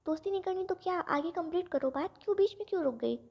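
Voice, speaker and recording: A woman's voice: very high-pitched, lively intonation, quick pace, vocal fry, muffled recording, pitched above the performer's own voice, exaggerated voice. A woman voicing a young man who is insistent and bossy, with a pushy, scolding manner, in a storybook reading. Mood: pressing.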